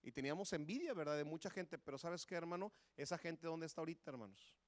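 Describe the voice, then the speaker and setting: A man's voice: a little high, expressive, fast talker, no echo. A man with a Mexican Spanish accent preaching a sermon in church, impassioned and repeating "hermano" again and again. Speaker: pastor. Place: church sanctuary.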